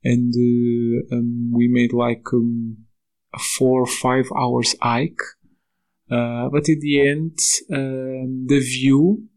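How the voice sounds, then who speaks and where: A young man from Portugal, telling a personal story haltingly with many fillers. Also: mid-range voice, little pitch movement, a little mellow. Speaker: volunteer guest. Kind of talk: recorded personal account.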